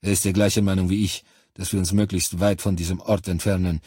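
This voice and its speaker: A man voicing a brusque male sergeant who gives curt orders to his squad, in a low, husky voice. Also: level tone, fast talker, dark tone, no room sound, studio quality.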